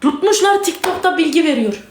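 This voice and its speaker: A woman with a very high, piercing voice pours out a distraught, agitated rant for her vlog, repeating herself and calling out to God. The room around her is echoey and hollow. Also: animated, fairly quick. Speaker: vlogger.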